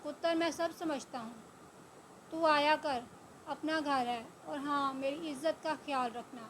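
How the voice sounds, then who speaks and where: A woman's voice: sits high, fairly even intonation, slight background noise, close to an everyday voice, rough recording. A woman voicing a stern, protective middle-aged father who speaks in commands in a storybook reading.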